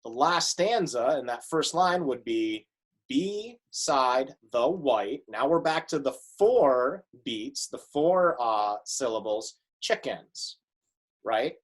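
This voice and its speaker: A man teacher talks students through a poem in a laid-back, easygoing way. He often pauses for small fillers as he explains. His voice sits at an ordinary middle pitch. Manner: casual, filler-heavy, relaxed explaining. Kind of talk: classroom lesson.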